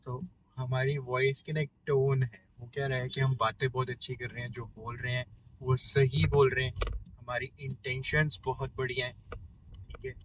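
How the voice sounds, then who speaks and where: A man coaching listeners in a casual self-help lesson, explaining with everyday examples and often pausing to check in. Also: medium pitch, level tone, background noise.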